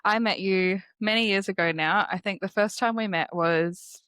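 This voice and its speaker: A woman's voice: mid-range voice, moderate pace, fairly bright tone, dry recording. Woman hosting in a dry space. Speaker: podcast host. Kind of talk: podcast hosting, introduction and casual chat.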